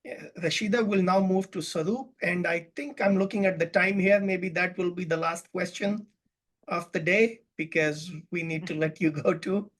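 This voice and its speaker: A man moderating a video call Q&A, brisk and courteous as he passes the floor. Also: high-pitched, a bit bright. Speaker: host and moderator. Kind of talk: moderating online Q&A.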